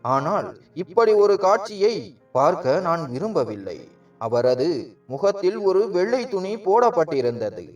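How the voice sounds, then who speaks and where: A man tells a dramatic first-person story in a measured, emotional way. His voice sits a little high. He sounds set back from the mic, with faint music underneath. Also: sing-song, dull audio. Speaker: narrator. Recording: distant mic with soft background music.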